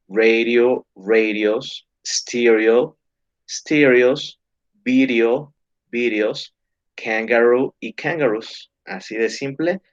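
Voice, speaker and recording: A man talks through a grammar lesson at a slow, careful pace. He explains patiently and keeps checking that his students follow. The recording is muffled and lo-fi. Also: mid-range voice. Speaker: English teacher. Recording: dull, muffled lo-fi sound.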